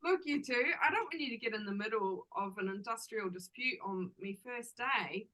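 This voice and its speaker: A woman's voice: on the high side, expressive, normal speed, sharp tone, rough recording. [name], a woman playing a brash Kiwi barmaid. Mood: sardonic. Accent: New Zealand with Australian twang. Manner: blunt, sarcastic, slangy banter. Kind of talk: amateur audio drama.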